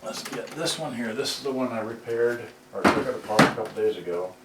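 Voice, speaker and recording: Handling cassette players, a man who repairs them gives an unscripted, casual demo, pausing and muttering aloud as he works. His voice is medium in pitch, recorded by a camera on a tripod at a distance, so the sound is roomy and distant with heavy background noise.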